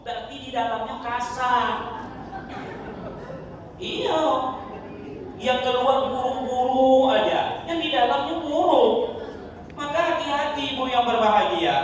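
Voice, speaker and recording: A man preaching a sermon in a lively, joking way, sometimes chanting his phrases. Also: extremely high pitch. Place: mosque. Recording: echoey hall from far off, faint noise.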